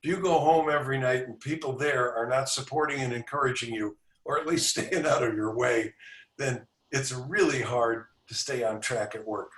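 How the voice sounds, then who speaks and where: A man's voice: medium pitch, moderate pace, a bit bright. Brief: male coach guest, confident teaching style, echoey room, sits back from the mic. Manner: confident, instructive coaching delivery. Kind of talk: podcast interview. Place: indoor room with a back wall. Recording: roomy sound, distant from mic.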